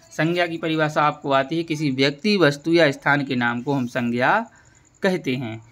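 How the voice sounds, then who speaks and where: A man's voice: fairly high pitch, a bit bright. A man teaching a school lesson, explaining patiently and repeating key words so students can follow.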